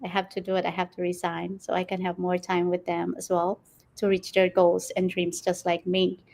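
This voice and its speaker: A woman's voice: on the low side, monotone, normal speed, creaky, darkish tone. A woman, answering interview questions as a guest, rambling and laughing often. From Philippines. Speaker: guest entrepreneur.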